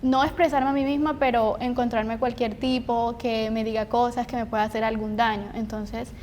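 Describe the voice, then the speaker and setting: Woman, slightly high voice, wordy explanatory podcast talk, light background rumble. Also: little pitch movement, moderate pace, darkish tone. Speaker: podcast co-host. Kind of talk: casual discussion. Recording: noisy, low rumble behind voice. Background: rumbling background noise.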